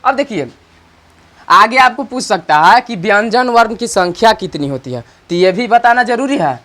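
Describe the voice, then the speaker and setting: A man's voice: high voice, expressive, sharp tone. A man teaching an online grammar class, repeating each point and asking questions that he answers himself. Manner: repetitive, asks questions and answers them himself; slow dictation while writing.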